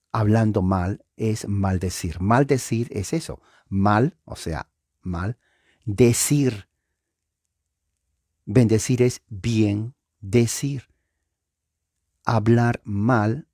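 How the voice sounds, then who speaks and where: A man's voice: lowish voice, mellow, dry recording, clean studio sound. A man teaching a Bible study, explaining word meanings and often checking that listeners understand.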